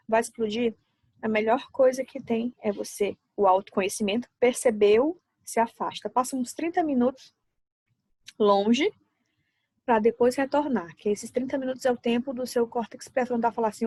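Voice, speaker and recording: A woman's voice: on the high side, a little mellow, no echo. A woman giving psychological support advice in a casual talk, speaking into a laptop on her lap at home, friendly and explaining with everyday examples.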